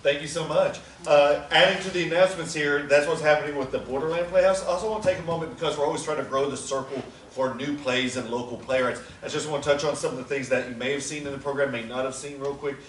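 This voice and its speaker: A theater company organizer makes chatty, teasing announcements to an audience in a theater or event room. His fairly high, steady voice runs fast with hardly any pauses, picked up from far off in a roomy space with faint noise.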